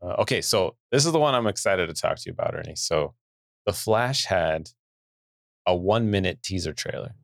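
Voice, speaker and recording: A man's voice: deep voice, lively intonation, a little fast, creaky, dry recording. A man hosting a podcast, talking casually and enthusiastically with his co-host. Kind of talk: casual chat.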